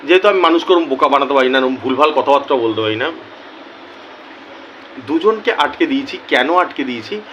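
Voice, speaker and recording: A man talking earnestly to his viewers as a YouTuber, slow and deliberate, often repeating key words for emphasis. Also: mid-range voice, expressive, fairly bright tone, dull audio, a little hiss or hum. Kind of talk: earnest casual talk to camera.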